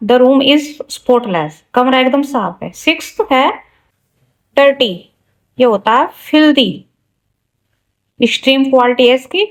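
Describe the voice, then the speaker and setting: A woman teaching English vocabulary, speaking slowly and deliberately through each example, with casual asides to the listener. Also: high voice, low-quality recording. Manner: slow and deliberate, spelling out examples word by word. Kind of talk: explaining a vocabulary lesson.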